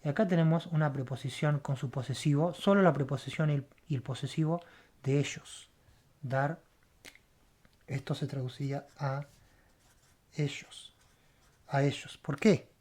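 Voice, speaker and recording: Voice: mid-range voice, normal speed, pauses often, a little mellow. A Hebrew teacher gives a word-by-word lesson, spelling out letters, repeating sounds and checking in with a questioning "right?" after each step. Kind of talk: word-by-word Bible language lesson.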